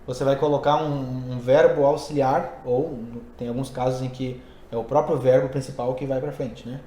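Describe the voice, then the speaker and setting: A man's voice: mid-range voice, level tone, moderate pace, mellow. A man who teaches English and Portuguese, hosting a casual podcast and explaining ideas conversationally while thinking aloud. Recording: roomy echo.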